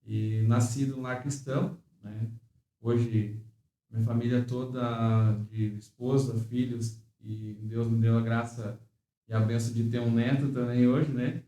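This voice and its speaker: An older man, a church bassist chatting casually with many restarts and tag questions, recorded in an echoey room from a distance. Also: level tone, a little slow, dark tone. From Rio Grande do Sul, Brazil. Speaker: church bassist and worship leader. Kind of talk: casual chat.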